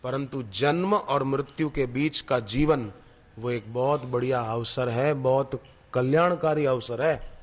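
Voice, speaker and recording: A man's voice: mid-range voice, unhurried, big-room sound. A man preaching a devotional sermon, telling stories and driving his points home through repetition. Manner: storytelling, emphatic repetition. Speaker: spiritual preacher.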